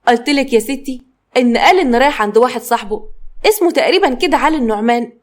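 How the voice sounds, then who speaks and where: A woman's voice: a little high, very fast, natural voice. A woman voicing a weary older mother-in-law with an Egyptian accent, defensive and tired.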